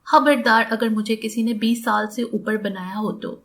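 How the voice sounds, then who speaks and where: A woman's voice: a little high, steady tone, fairly bright tone. A woman voicing a sassy, talkative twenty-year-old woman doctor in an audiobook, cheeky and defiant.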